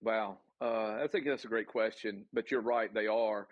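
A low-voiced man with a Southern US accent talks earnestly as a guest, pausing often on ums and restarting his sentences. The sound is dull and dry, like a remote call. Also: fairly even intonation, no room sound. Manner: earnest, many fillers and restarts. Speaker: college golf coach, guest. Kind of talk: casual interview answers.

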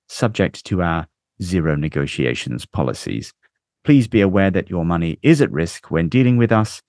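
A man reading a story aloud, voicing a smooth, silky male banker who talks with polite, quiet menace. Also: low voice, no echo, studio quality.

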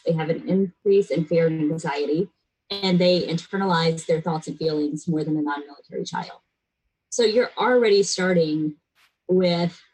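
In a rough recording of a serious conversational interview, a middle-aged American woman with a lowish, breathy-edged voice speaks bluntly and earnestly, with emphatic delivery. She was raised in a military family overseas and in Florida.

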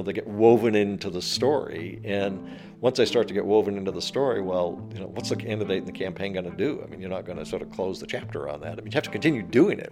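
A man with a fairly low voice gives his analysis in an interview. He thinks aloud and hedges as he goes, circling his point before landing it. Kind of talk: interview commentary.

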